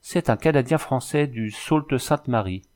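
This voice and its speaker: A man's voice: mid-range voice, expressive, normal speed, darkish tone, voice pushed up, lightly acted. A man reading aloud, voicing a wounded young French engineer in a storybook who pleads earnestly. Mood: pleading.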